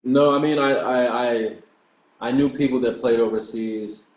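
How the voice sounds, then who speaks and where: In a low-quality, reverberant recording, a man in his twenties with a medium-pitched voice answers interview questions at a measured pace. He plays professional basketball, grew up in Australia, and often repeats words when starting sentences in his relaxed replies.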